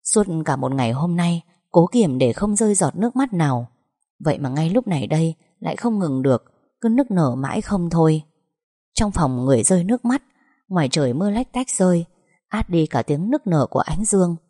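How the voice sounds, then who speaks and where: Low, warm-voiced woman narrator. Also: animated, fairly quick, dry recording, studio quality. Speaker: audiobook narrator. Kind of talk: storybook narration.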